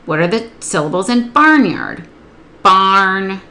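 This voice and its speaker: A woman literacy instructor explaining a spelling procedure step by step, patiently modeling words and sounds slowly. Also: on the low side, lively intonation, fairly bright tone.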